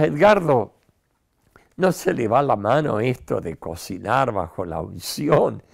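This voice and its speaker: Older male pastor, studio sermon to camera, emphatic and animated, gravelly tone, unhurried. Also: mid-range voice. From Argentina. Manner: animated, emphatic, talks with his hands. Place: studio set with city backdrop. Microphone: lapel mic.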